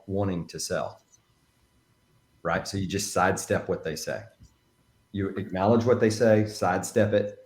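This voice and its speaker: A man with a Southern Texas accent, a real estate agent talking casually and telling animated, folksy stories while coaching. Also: low-pitched, roomy sound.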